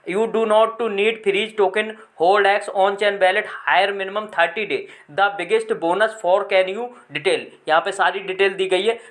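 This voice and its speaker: A man hosting a crypto channel, explaining a screen-recorded tutorial step by step. He keeps checking in with "ठीक है" and reads English text slowly and haltingly. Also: sits high, a bit bright.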